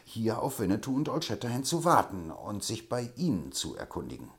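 A man plays an eager informant in a storybook, pitched above the reader's usual deep voice. He delivers news with self-important urgency, lively and insistent. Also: fairly quick.

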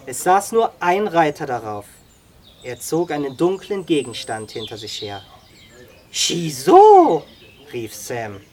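A storyteller reading an adventure story aloud, slow and expressive. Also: medium pitch, a little hiss or hum.

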